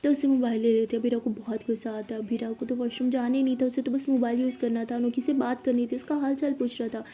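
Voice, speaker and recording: A woman's voice: a little high, level tone, quick pace, mellow, slightly rough. A woman narrating a love story in a chatty, casual way, with conversational asides.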